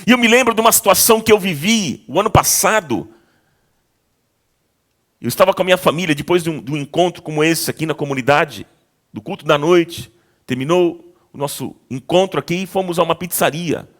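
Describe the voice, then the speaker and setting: A male pastor preaching a sermon in a church, with a notably high voice. He calls out to the congregation with force, then drops to a quiet, near-hushed tone to tell a story. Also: lively intonation, fairly quick. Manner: swings between loud exhortation and quiet storytelling.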